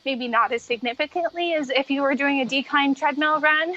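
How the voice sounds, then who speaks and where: A woman's voice: sits high, fairly even intonation, fairly quick, pushed and bright. A woman talking casually and chattily as a guest in a podcast interview about her own experience. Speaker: podcast guest, treadmill runner. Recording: dull, muffled lo-fi audio.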